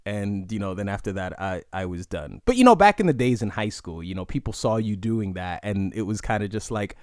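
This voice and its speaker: A man's voice: lowish voice, lively intonation, brisk, no echo, clean studio sound. A man, hosting a casual solo podcast and musing in a reflective, rambling way full of "you know" asides. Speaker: podcast host.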